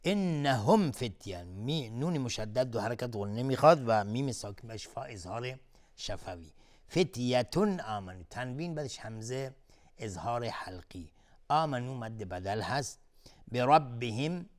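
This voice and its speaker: A man with a Persian accent gives a recitation lesson at an average pitch. He explains each rule in a level, matter-of-fact voice, then stretches out the verse examples slowly and more loudly. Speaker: Quran recitation teacher. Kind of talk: tajwid lesson with chanted recitation.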